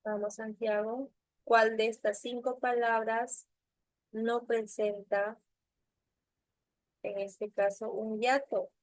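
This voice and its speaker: Young woman teacher, unhurried, patient, dry close sound, video-call mic, checks in with students constantly. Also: on the high side, flat delivery, no room sound, low-quality recording. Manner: patient, checks understanding with frequent tag questions. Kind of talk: online class lesson. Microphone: computer mic on a video call.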